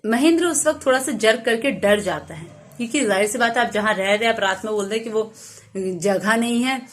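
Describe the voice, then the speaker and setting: A young woman teacher retelling and explaining a story for a class, mixing in English lines and pausing to gloss words. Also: fairly high pitch.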